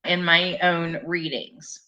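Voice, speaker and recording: A woman's voice: lowish voice, little pitch movement, slow pace, sharp tone. A woman hosting a live stream, reading viewer comments aloud and chatting agreeably. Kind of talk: casual live-stream chat.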